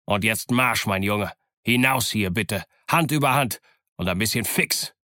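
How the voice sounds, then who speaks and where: A man playing a stern, unyielding ship's captain who speaks in a firm, commanding, measured way. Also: on the low side, pushed and bright, dry recording, studio quality. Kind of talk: audiobook character reading.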